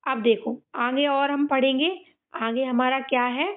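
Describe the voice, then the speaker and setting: A woman teaching children a phonics lesson, sounding out each word slowly and patiently, often checking whether they follow along. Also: high voice, steady tone. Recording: tinny phone-like sound.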